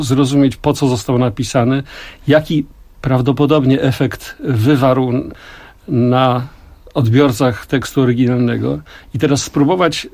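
An older man with a mid-range voice talks thoughtfully in a radio studio interview. He weighs his words and pauses often as he explains his craft. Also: medium pitch, darkish tone. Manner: reflective, measured, with frequent pauses. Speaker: song translator and musician, guest.

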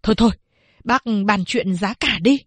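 A cool, businesslike young man talks briskly and a little louder, impatient to close the deal, as a woman narrator puts him on. Husky and dry close-up sound. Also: medium pitch, dry recording, close to an everyday voice. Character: impatient young male interpreter, cold.

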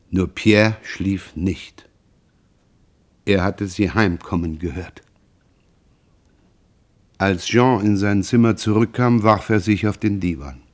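Male narrator for a literary audiobook; low voice, slow, grave, measured. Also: darkish tone.

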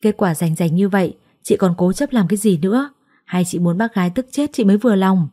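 A woman voicing a scornful, shrill young female rival. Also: fairly quick, warm tone, no room sound, clean studio sound, close to an everyday voice.

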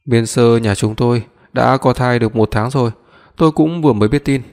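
A man doing a gruff, jovial old commander. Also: medium pitch, brisk, a little mellow, close to an everyday voice. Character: older military commander, proud father. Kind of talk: audiobook reading. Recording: long reverb.

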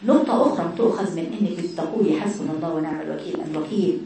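Fast-talking Egyptian woman in an echoey room. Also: low-pitched, creaky, mellow, a little hiss or hum. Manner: conversational, asks rhetorical questions. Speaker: religious teacher. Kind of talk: religious lesson. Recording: very echoey room, voice far from mic.

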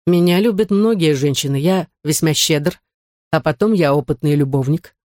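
A man's voice: on the high side, normal speed, a little mellow, dry recording, clean studio sound, lightly acted. Man playing a haughty sarcastic dwarf count.

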